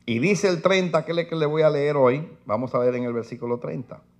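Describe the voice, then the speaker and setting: Man preaching in a church, fairly high-pitched, emphatic, reads scripture and asks the congregation questions. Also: fairly even intonation, a little fast. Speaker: pastor. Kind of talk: sermon. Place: church sanctuary.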